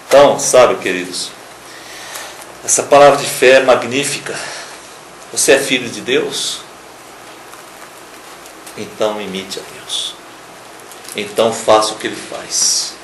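A man's voice: mid-range voice, roomy sound, a little hiss or hum, rough recording. Emphatic male TV preacher. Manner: emphatic, swings between loud stresses and quiet asides. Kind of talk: sermon on a local TV program.

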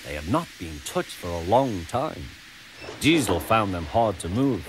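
A man narrating a children's storybook aloud in a measured, expressive way. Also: fairly low pitch, background noise. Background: music.

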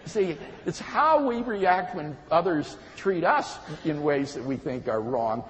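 Earnest guy explaining morality, measured delivery, kinda high voice, echoey hall sound. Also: lively intonation. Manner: measured and earnest, storytelling examples. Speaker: speaker on philosophy. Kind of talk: explanatory talk.

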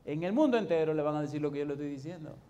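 A man's voice: fairly high pitch, lively intonation, rapid-fire, warm tone, dull audio, voice pushed up, lightly acted. A man voicing a self-assured male medical specialist, quoted within a sermon. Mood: boastful. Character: proud male medical specialist, sure of himself.

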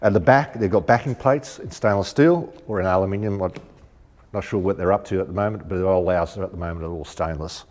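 Speaking a little fast in a low, slightly mellow voice, a shop presenter casually walks through rooftop tent fittings. He's practical and talkative, thinking aloud with frequent ums, in a warehouse with long reverb and faint music.

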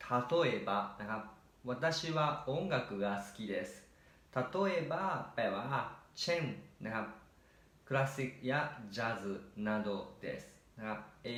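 A man, teaching Japanese grammar by explaining each answer patiently and reading example sentences slowly. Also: medium pitch, fairly bright tone, roomy sound. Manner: patient, repeats "นะครับ" often and reads example sentences slowly.

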